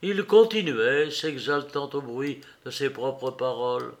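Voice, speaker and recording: A man narrating a novel aloud with a slow, solemn, dramatic delivery. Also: mid-range voice.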